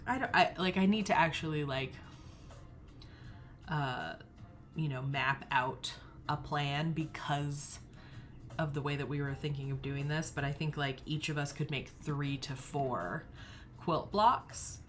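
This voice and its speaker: A woman's voice: low-pitched, fairly bright tone. A young woman hosting a knitting livestream, telling a family story in a casual, giggly way with lots of filler words.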